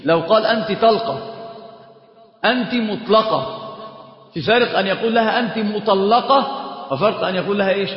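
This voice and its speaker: A man teaching a religious lesson on jurisprudence, lively, quizzing his students. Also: sits high. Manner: lively, quick, asks students questions; mixes Egyptian colloquial Arabic into classical. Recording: echoey hall, dull lo-fi sound.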